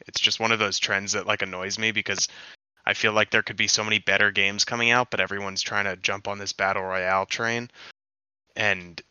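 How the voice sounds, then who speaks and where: A man's voice: fairly low pitch, bright, forceful tone, clear, resonant tone, dry recording, muffled recording. A young man co-hosting a casual podcast, giving his opinions in a mildly exasperated way. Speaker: podcast co-host. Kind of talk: casual chat.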